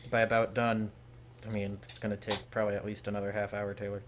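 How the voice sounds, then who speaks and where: A man's voice: fairly low pitch, completely flat delivery, quick pace, a little hiss or hum. A young man hosting a live stream, chatting casually and talking straight to viewers by name.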